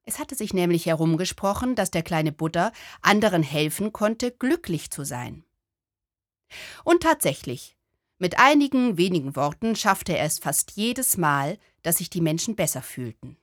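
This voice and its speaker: A woman narrating a storybook audiobook in a calm, measured way. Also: lowish voice, dry recording, studio quality.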